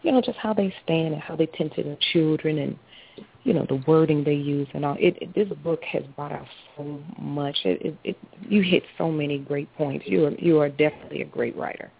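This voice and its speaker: A woman's voice: low-pitched, a little fast, gravelly, husky. A woman calling in to a radio show over a phone line, emphatic and repetitive, stacking up praise and agreement. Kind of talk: casual call-in chat.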